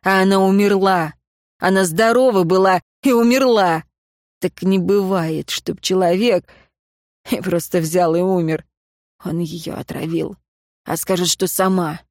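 A woman voicing an embittered, grieving young man who speaks quietly with cold contempt, in an audiobook. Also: medium pitch, measured pace, no room sound, studio quality, lightly acted. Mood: bitter quiet.

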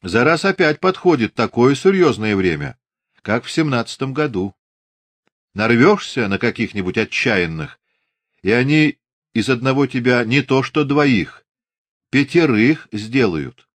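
Man doing a burly gruff Cossack with a rustic drawl. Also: medium pitch, animated, dry recording, pitched above the performer's own voice. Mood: blunt advice. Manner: drawling rustic dialect, slow.

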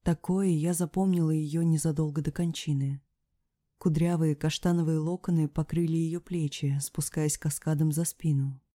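A woman narrating a dramatic first-person audiobook with emotional delivery that moves between hushed whispers and anguished cries. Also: sits low, fairly even intonation, normal speed, no room sound, clean studio sound.

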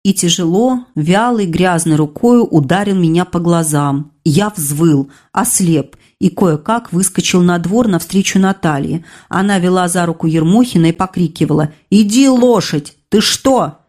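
A woman reading an audiobook as narrator, measured and expressive. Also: fairly low pitch. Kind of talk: scripted narration.

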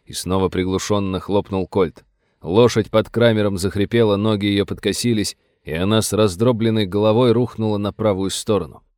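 A male audiobook narrator reading in a steady, dramatic storytelling voice. His voice is low. The recording is dry and close, with no room sound. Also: clean tone, no echo.

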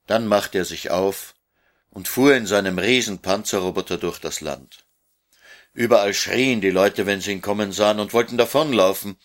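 A man reads a children's storybook aloud in a low voice. His pace is measured and his narration is plain. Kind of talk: storybook reading.

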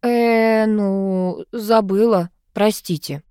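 A woman's voice: mid-range voice, fairly even intonation, very slow, warm tone, clear, resonant tone, dry recording, studio quality, voice pushed up. A woman voicing a flustered, blunt housekeeper who mumbles and speaks crudely, read as part of an audiobook. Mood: mumbling. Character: flustered, rude middle-aged housekeeper.

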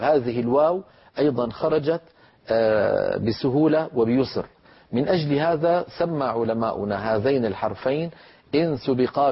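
A man teaching Quran recitation, explaining letter sounds, asking rhetorical questions and drawing out example sounds slowly. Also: medium pitch, slightly rough. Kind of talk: lecture on letter pronunciation. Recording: dull lo-fi recording.

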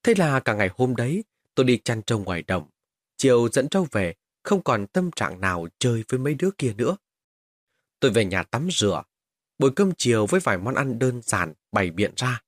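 A man's voice: mid-range voice, very animated, fairly quick, no echo, studio quality. A man narrating a first-person horror story with dramatic, tense delivery. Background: faint music.

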